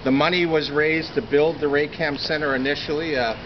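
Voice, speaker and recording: Standing in a rainy housing courtyard, a middle-aged man who once lived there shares his history with a walking-tour group in casual outdoor storytelling. His voice sits on the high side with fairly even intonation, and he speaks reflectively, haltingly, with many fillers. The sound comes from a nearby smartphone camera: dull, with outdoor noise.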